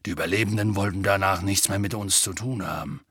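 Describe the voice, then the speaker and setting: A man voicing a huge, gruff, sad male half-giant gamekeeper in an audiobook, grumbling slowly and wearily. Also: a bit bright, no room sound, clean studio sound. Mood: weary, gloomy. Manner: slow, low, weary grumbling. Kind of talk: audiobook character voice.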